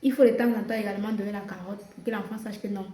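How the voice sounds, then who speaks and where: A woman's voice: medium pitch, steady tone, racing, dark tone. A young woman with a Cameroonian French accent gives earnest casual commentary to her viewers, often repeating words as she searches for them. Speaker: social media content creator. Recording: roomy echo, faint background noise.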